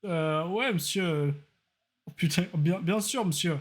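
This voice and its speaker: A streamer voicing a gruff, bored male police guard from a courtroom game, grumbling slowly. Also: mid-range voice, lightly acted. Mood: dismissive.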